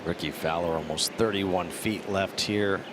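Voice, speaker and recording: Deep male lead golf commentator over background noise. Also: steady tone, unhurried. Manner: concise announcing of players and scores. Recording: outdoor broadcast with clear background noise.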